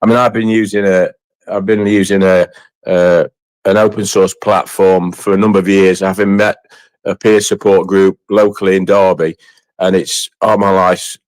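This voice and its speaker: A man hosting a casual interview chat, effusive and rambling, often halting and repeating his phrases. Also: low voice, flat delivery, a little mellow, dry recording, rough recording. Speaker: host of an online community chat.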